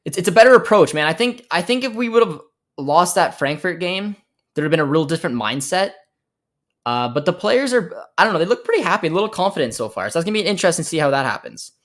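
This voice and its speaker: This is casual live match commentary from a young man in the United States, his voice fairly high-pitched and fairly bright. Hosting a football watchalong, he talks easily with viewers, responds to the action, and muses aloud, dropping in lots of fillers.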